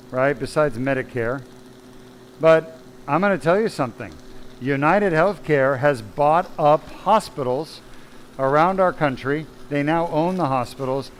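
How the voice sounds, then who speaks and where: A spine surgeon speaks bluntly and emphatically in a live question-and-answer talk packed with rhetorical questions. His voice is a little high. The recording is low quality, with some hiss or hum.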